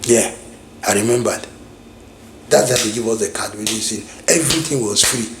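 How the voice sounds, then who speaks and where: A middle-aged Nigerian vlogger with a Nigerian English accent reminisces casually, rambling with many restarts and repeated phrases. His voice is on the low side at a normal speed, and the recording is reverberant with a noisy background.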